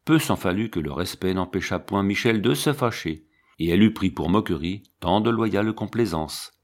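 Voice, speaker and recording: A man reading a story aloud as an audiobook narrator, in a measured, expressive way. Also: low-pitched. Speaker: audiobook reader. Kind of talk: scripted narration.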